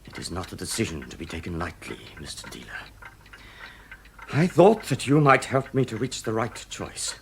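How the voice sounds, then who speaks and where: In a radio drama, a male actor plays a desperate murderer who keeps justifying himself, brooding theatrically and breaking into sudden nervy outbursts. His lowish voice swings widely in pitch at a moderate pace, the mood brooding and intense, with a faint hiss or hum on the recording.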